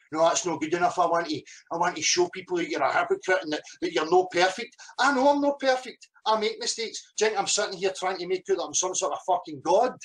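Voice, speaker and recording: A man with a notably high-pitched voice unloads an angry rant straight to camera. He is heated and confrontational, and he swears in nearly every line. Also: a bit bright, rough recording. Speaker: vlogger.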